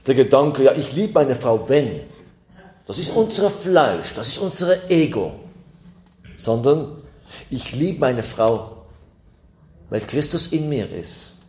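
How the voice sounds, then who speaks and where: A man preaching a sermon in a slow, emphatic way, his voice climbing with fervor at times. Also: on the high side, a little mellow, roomy sound.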